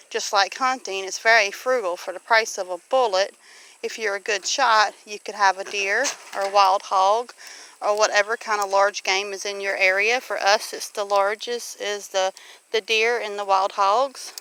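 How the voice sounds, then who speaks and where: Out on her homestead among the farm animals, this middle-aged homesteading vlogger with a Southern US accent talks in a relaxed, folksy way, often posing questions to whoever's listening. Her mid-range voice is clean, bright and forceful, though the recording itself is low quality.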